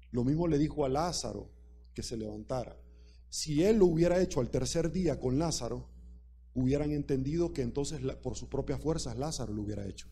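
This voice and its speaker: A man's voice: fairly high pitch, dark tone, slight background noise. A man preaching a sermon, speaking emphatically and repeating key phrases while addressing the congregation directly.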